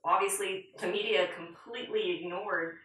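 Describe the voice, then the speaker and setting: A woman's voice: medium pitch, fairly even intonation, moderate pace, a bit bright, slight background noise. A woman reviewing a film in a casual conversation as one of a panel. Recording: very echoey room, far from mic.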